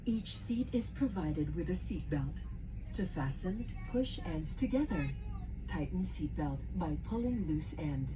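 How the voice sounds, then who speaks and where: Woman, flight attendant safety announcement, lowish pitch, formal instructional delivery, cabin PA with clear background noise. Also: expressive, unhurried. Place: inside an aircraft cabin. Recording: very noisy aircraft cabin PA announcement.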